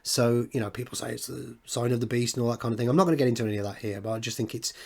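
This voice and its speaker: A man's voice: mid-range voice, steady tone, very fast, creaky. A middle-aged man hosting a video essay, thinking aloud in an unscripted monologue with frequent restarts and fillers.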